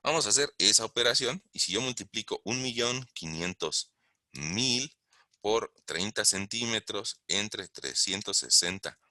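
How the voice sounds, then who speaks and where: An engineering lecturer gives a recorded online lesson, explaining things step by step and putting questions to the class. His fairly low voice is bright and forceful, recorded at studio quality with no echo on a close mic while he writes on a tablet.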